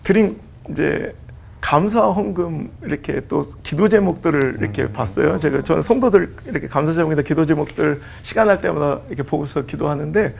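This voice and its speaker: A middle-aged man from the Chungcheong region, a pastor telling lively, laughing stories and acting out quoted lines on a church talk show. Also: fairly high pitch, a little fast, creaky. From Chungcheong region, South Korea. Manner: animated, laughing storytelling that acts out quoted lines.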